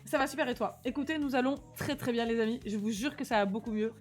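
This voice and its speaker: A woman's voice: a little high, quick pace, soft background music. A young woman with a slight lisp and slushy s sounds, chatting casually and animatedly in slang as she livestreams. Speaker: live streamer.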